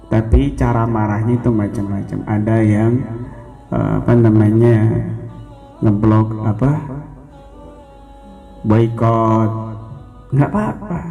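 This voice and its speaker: A man preaching a sermon in an animated way and often putting questions to his listeners. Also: fairly high pitch.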